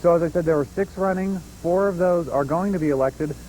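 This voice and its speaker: A man's voice: a little high, a little fast, dark tone, a little hiss or hum, low-quality recording. A man reporting live from a courthouse for local TV news, hesitant with many fillers. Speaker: field reporter.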